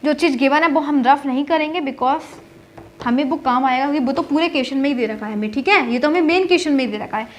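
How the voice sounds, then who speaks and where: A woman's voice: sits high, quick pace, a little hiss or hum. A young woman teaching a maths lesson step by step, mixing with terms, asking and answering her own questions and checking in often.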